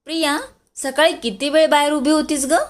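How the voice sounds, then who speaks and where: A gentle, caring young husband in an audio story, played by a woman narrator. He speaks softly, in a slightly high voice. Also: fairly even intonation, normal speed, close to an everyday voice.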